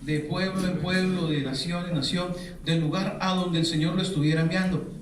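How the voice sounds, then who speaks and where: Preacher in an echoey hall. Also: male voice, high-pitched, fairly even intonation, moderate pace, slight background noise. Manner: asks the congregation fill-in questions. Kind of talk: sermon. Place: church hall. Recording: very echoey hall, mic far off.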